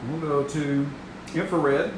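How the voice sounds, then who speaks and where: A man with a slightly higher-than-average voice talks through a live weather stream in a casual way. He takes his time and repeats phrases for emphasis. A clear, steady hum like air conditioning runs behind him. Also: slow.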